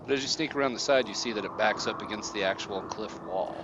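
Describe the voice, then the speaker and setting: A man's voice: on the low side, fast, muffled recording, background noise. A man narrating a tabletop fantasy game casually as game master, describing scenes and checking in with players. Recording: music behind the voice.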